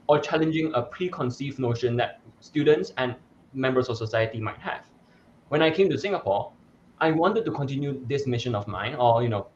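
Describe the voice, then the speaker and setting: Answering interview questions, a young man from Sarawak, Malaysia, who coaches debate, explains things articulately, though he uses some fillers and restarts. His medium-pitched voice is a little mellow, and the audio is dull with slight hiss or hum.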